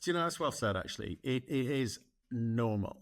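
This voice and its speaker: A man's voice: medium pitch, expressive, fairly quick, no echo, clean studio sound. A man hosting an interview, chatty, asking rambling questions with restarts. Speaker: interview host. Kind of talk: casual interview talk.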